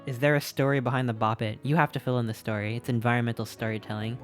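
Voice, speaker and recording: A streamer gushing over fan art in casual live-stream chat, excitable and repeating itself, a little out of breath. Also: mid-range voice, fast talker. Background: faint background music.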